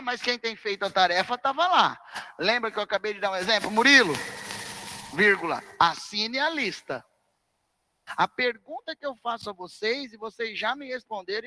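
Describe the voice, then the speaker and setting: Male grammar teacher in class, animated pitch, dry close sound, keeps asking the room "yes or no". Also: no echo. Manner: quizzes the class with repeated rhetorical questions; drags out key words slowly for emphasis.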